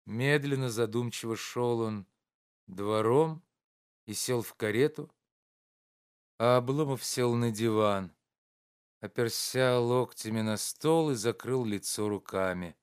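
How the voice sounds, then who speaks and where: A man reading a classic novel aloud in a measured, expressive narration. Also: medium pitch, smooth. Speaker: audiobook reader. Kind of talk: literary audiobook narration.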